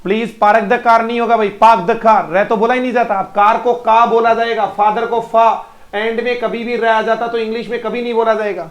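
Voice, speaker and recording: A man's voice: extremely high pitch, little pitch movement, brisk, echoey room, muffled recording. A male online teacher with an Indian Hindi accent drills English pronunciation, repeating words aloud and praising students by name. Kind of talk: live online phonetics class.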